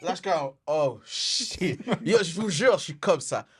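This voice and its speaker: A man's voice: sits high, expressive, brisk, a little hiss or hum. A young man with a Quebec French accent telling a story in casual podcast chat, mixing in English slang and acting out quotes. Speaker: podcast host.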